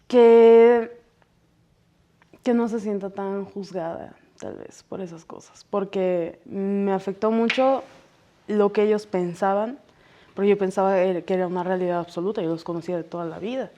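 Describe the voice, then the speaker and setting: A woman in her thirties hosting a casual podcast conversation, telling lively stories and acting out what people said. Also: medium pitch, moderate pace. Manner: lively storyteller who acts out quoted speech. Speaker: podcast host.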